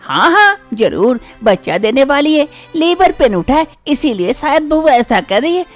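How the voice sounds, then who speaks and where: A woman voicing an anxious elderly village mother-in-law who fusses in a shrill, urgent voice, with lively swings in pitch. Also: moderate pace, faint music behind. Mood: fretful urging.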